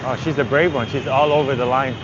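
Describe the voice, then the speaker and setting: Walking along a busy city street like a travel livestreamer, a native Vietnamese man chats casually in English, rambling and thinking out loud. His medium-pitched voice stays steady at a quick pace. The audio is dull, with loud traffic, vehicles and general street noise behind him.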